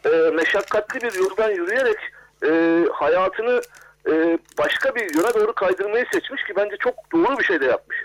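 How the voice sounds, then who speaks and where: A man speaking as an academic guest in a radio interview, hesitant, with many drawn-out filler sounds. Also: sits high, animated, fairly bright tone, a little hiss or hum. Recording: dull lo-fi phone line.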